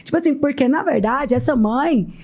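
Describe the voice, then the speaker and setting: A Brazilian woman, a mother and entrepreneur, who tells personal stories in an animated way in a candid podcast conversation, acting out the dialogue. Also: high voice, moderate pace. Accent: Brazilian Portuguese.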